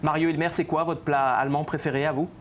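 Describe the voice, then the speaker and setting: A man hosting a TV magazine show, presenting from a script and interviewing a guest live, with a lively, polished delivery. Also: fairly high pitch, fast talker, a little hiss or hum. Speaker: TV news magazine host.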